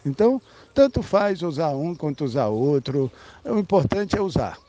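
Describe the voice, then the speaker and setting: A man's voice: a little high, warm tone, no room sound, dull audio. A man with a Brazilian Portuguese accent giving a rambling esoteric monologue, blunt and emphatic, swearing casually and checking in with the listener. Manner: blunt, emphatic, sprinkled with profanity; addresses the listener directly with frequent "tá?". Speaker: esoteric spiritual speaker.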